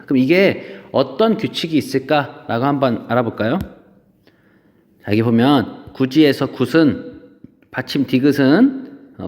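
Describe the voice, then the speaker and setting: A man's voice: medium pitch, a little mellow. A man teaching a Korean language lesson in a patient, repetitive lecture style, often asking students to check they follow. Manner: patient, repeats terms, asks checking questions. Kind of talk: recorded classroom lecture. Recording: dull lo-fi audio with long reverb.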